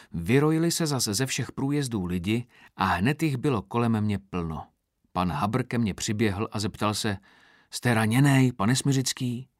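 Low-voiced man narrating a novel. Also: no room sound, clean studio sound. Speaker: audiobook narrator. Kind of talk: first-person literary narration.

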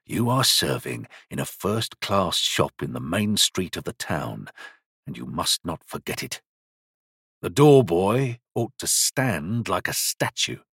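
A man voicing a small, round, stern shop master who speaks quietly, gently but sternly, with calm threats and a dry whisper. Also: sits low, slow pace, husky, no echo, heavily acted.

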